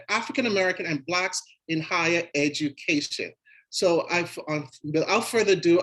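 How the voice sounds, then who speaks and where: A man's voice: high voice, bright, forceful tone, rough recording. A man hosting an event, reading speaker bios in a formal way and sometimes stumbling over names. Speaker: event host.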